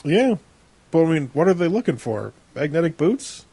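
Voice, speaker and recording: Emphatic, higher-voiced man riffing on a film. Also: breathy edge, dry recording. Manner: emphatic, animated, quick to laugh. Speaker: podcast commentator. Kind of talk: casual movie commentary chat.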